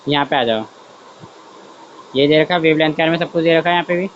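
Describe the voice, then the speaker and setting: This man's voice sits on the high side and moves at a quick pace, with dull audio and a little hiss or hum. Teaching science in an online class, he's chatty, repeats "theek hai" frequently, and works through ideas aloud as he draws. He catches his own errors and asks if students understood.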